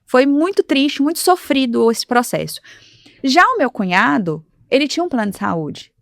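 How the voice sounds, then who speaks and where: A woman's voice: high voice, very animated, moderate pace, vocal fry, no echo, clean studio sound. A woman guest on a podcast, speaking as an insurance advisor in casual conversation and telling stories that act out quoted dialogue. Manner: storytelling, acting out quoted dialogue. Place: podcast studio.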